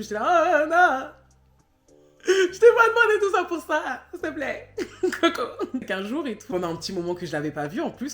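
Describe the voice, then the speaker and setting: A woman in her twenties telling a personal story in a chatty vlog, talking loosely with lots of fillers and animated bursts. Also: mid-range voice, echoey room. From Cameroon. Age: 20s. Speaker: vlogger. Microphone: phone camera.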